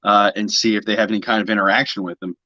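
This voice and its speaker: A man's voice: on the low side, flat delivery, very fast, pushed and bright, dry recording. A man speaking as a podcast guest in a casual, conversational interview style. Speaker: podcast guest, psychic medium. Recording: slightly dull, lo-fi audio.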